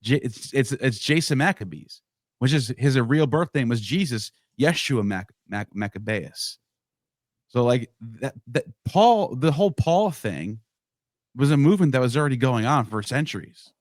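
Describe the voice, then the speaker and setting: A man with a medium-pitched, expressive voice speaks at a moderate pace, recorded cleanly in a studio with no room sound. He's a podcast co-host or guest in a casual discussion, thinking aloud in bursts and restarting often.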